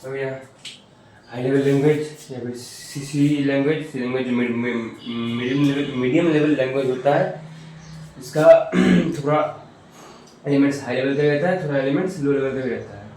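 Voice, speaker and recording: Speaking at a moderate pace in a mid-range, darkish voice, a programming teacher gives an informal tutorial explanation step by step. He often repeats himself and asks rhetorical questions; the room echoes heavily, the mic is distant, and faint noise is present.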